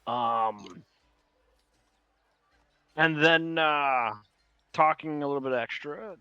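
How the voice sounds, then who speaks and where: A man with a New York accent narrating a tabletop game as game master, with a halting, emphatic delivery. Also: fairly high pitch, bright, forceful tone, smooth, dry recording, highs cut off.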